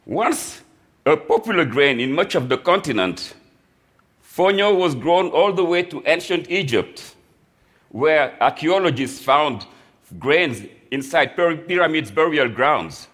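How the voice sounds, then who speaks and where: A man from Senegal, a chef, giving a prepared talk on a live stage in a measured, reflective way. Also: a little high, expressive, a bit bright. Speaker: chef and speaker.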